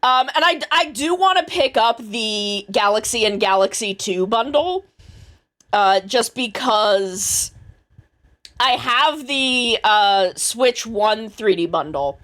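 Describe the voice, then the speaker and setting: A woman streamer talking slowly and loosely, her pitch swinging up and down as she thinks aloud. She rambles, backtracks and swears casually, with a slightly high voice. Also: lively intonation, a bit bright. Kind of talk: casual live-stream chat.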